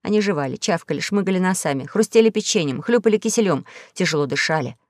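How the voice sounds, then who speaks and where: A woman narrating a children's audiobook in a lively storytelling manner at a close studio mic. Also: lowish voice, fast talker, dry recording. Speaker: audiobook reader. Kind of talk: scripted narration.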